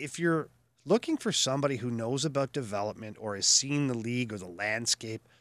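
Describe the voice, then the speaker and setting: A man co-hosting a casual sports podcast, giving opinionated, animated takes on hockey trades and staff moves. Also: medium pitch, dry recording. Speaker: podcast co-host.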